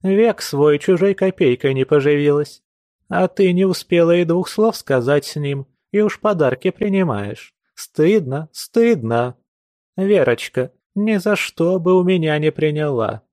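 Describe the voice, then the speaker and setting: A man's voice: on the high side, lively intonation, measured pace, darkish tone, dry recording, studio quality, voice pushed up. A male reader voicing a stern, imperious old grandmother who scolds sharply. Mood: stern, scolding.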